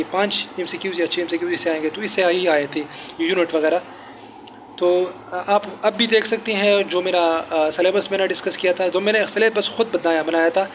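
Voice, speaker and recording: A man teaching as an exam-prep tutor, going quickly through test answers with repeated explanations and fillers. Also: high voice, a little hiss or hum. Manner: rapid, repetitive explaining with fillers.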